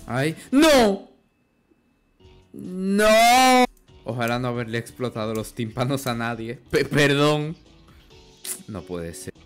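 A man's voice: mid-range voice, moderate pace, soft background music. A man, his voice worn out from talking, commentating his gameplay casually and swinging from mumbles to yelps. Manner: excitable, swings from mumbling to yelling. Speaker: gaming youtuber.

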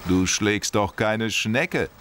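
A man's voice: high-pitched, wildly swooping pitch, moderate pace, sharp tone, a little hiss or hum, voice pushed up, exaggerated voice. A man voicing a cocky, quarrelsome construction machine with a mocking, whiny manner, as storybook voice acting.

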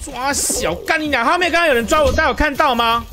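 A woman streamer giving live gameplay commentary with explosive, swearing, shouted outbursts. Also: high voice, fast talker, noisy background. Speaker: game streamer. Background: game music.

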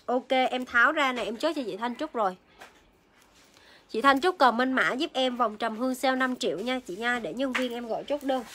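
High, bright young woman selling live. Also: moderate pace. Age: young adult. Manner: repeats phrases while addressing viewers. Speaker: livestream seller. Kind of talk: casual live sales chat. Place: indoor beauty shop room. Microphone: phone at arm's length.

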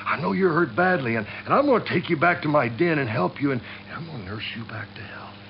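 Man doing a naive, kindly rabbit, a bit higher, earnest; dull lo-fi TV audio. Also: animated, fast talker. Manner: earnest, stammering. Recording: dull lo-fi 1991 TV broadcast with faint hum.

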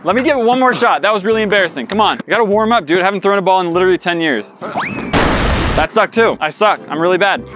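A man's voice: high voice, wildly swooping pitch, quick pace, over music. A young man hosting a casual video, joking and laughing with friends. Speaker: video host. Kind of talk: casual chat.

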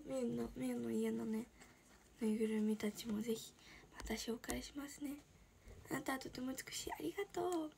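An 18-year-old woman from Shizuoka, Japan, chatting casually on a livestream and answering viewer comments, often slipping into a soft breathy whisper. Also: a little high, slight background noise. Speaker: idol livestreamer.

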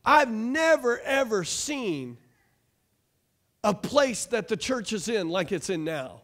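A man, preaching a lively call-and-response sermon from a church stage. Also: high-pitched, takes it slowly. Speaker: pastor. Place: church stage, large room.

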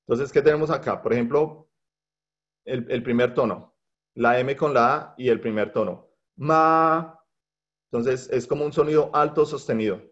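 A man teaches a language workshop over a video call. His voice sits at a middle pitch and he talks with frequent fillers and restarts. The computer mic gives a dull, lo-fi sound. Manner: patient, with many hesitations and fillers. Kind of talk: online workshop lecture. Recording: dull lo-fi online call audio.

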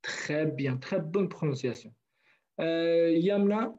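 Man from northern kurdistan, online teacher, slow, mellow voice, lo-fi call audio. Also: a little high. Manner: patient, repeats words slowly for students. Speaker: language teacher. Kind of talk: online class. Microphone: video call.

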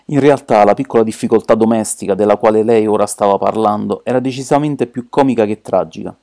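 A man reading a classic detective story aloud as an amateur audiobook narrator, steady and measured. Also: on the low side, vocal fry.

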